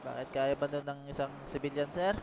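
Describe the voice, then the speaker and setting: A man's voice: mid-range voice, fairly even intonation, fairly quick, creaky, darkish tone, slight background noise, lightly acted. A man playing a persistent male police sergeant in a game role-play, polite but insistent, ending almost every line with "sir". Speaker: roleplay player voicing a police officer.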